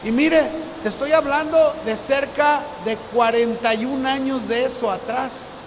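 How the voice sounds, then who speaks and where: A man's voice: extremely high pitch, a little slow. A man around sixty, preaching a sermon as a visiting pastor in an earnest storytelling manner. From Mexico. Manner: earnest storytelling, acts out remembered dialogue. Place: church hall. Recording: reverberant hall with faint hiss.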